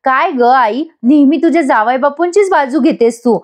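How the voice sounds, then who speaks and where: A woman's voice: sits high, normal speed, voice pushed up, close to an everyday voice. A woman voicing a teasing young wife who bickers with her husband and mother. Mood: bickering. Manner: bickering, sarcastic retorts.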